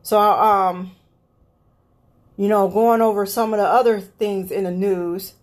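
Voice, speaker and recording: A woman's voice: medium pitch, fairly even intonation, unhurried. Blunt, exasperated woman ranting. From Cleveland area. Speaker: podcast host. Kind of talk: solo political rant podcast.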